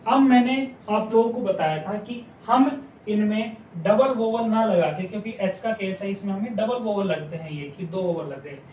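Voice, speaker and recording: A man teaching shorthand, slowly repeating each word and asking his class questions. His voice is mellow and sounds a little distant in an echoey room, with a faint hum of ambience behind him. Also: high voice. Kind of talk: explaining step by step. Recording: echoey room, mic some way off.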